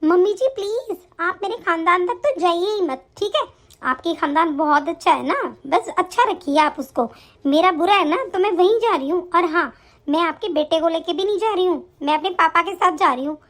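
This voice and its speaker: A woman voicing a young daughter-in-law who is fed up and defiant, in an animated story, with a sharp, scolding delivery. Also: extremely high pitch, normal speed. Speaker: voice actor.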